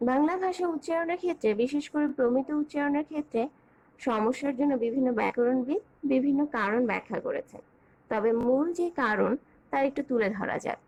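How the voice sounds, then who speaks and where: A woman teacher giving an online grammar lesson, speaking in a measured, clear way as she lists points and spells out examples. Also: sits high, a little mellow, rough recording.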